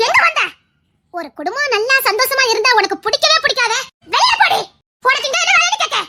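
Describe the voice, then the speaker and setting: A woman's voice: very high voice, animated, fast, full character voice. A woman voicing a fierce, protective middle-aged village mother in an audio drama, who scolds, curses and sobs. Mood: furious. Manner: scolding, shouting, cursing, sobbing. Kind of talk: Tamil audio drama acting.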